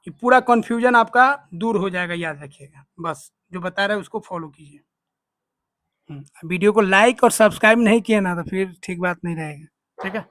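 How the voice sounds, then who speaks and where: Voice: mid-range voice, fairly bright tone, no room sound. Maths tutor, dry sound. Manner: repetitive, quizzes listeners with call-and-response questions; slow, step-by-step dictation. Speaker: maths teacher. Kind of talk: online tutorial explanation.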